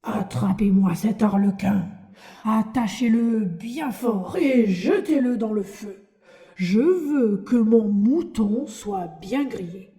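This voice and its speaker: A woman voicing a gruff, bearded male puppet master in an audiobook, stern yet softhearted. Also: medium pitch, takes it slowly, natural voice. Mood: commanding. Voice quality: gruff, sneezing. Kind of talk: audiobook character reading.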